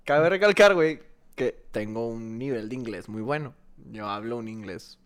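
A man's voice: mid-range voice, normal speed, smooth. A young man with a Mexican accent in casual chat, blunt and full of crude slang. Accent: Mexican Spanish.

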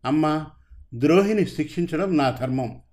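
A man's voice: a little high, animated, normal speed, darkish tone, lightly acted. A man voicing a resolute young officer. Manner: earnest, determined. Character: young police officer son, dutiful and resolute.

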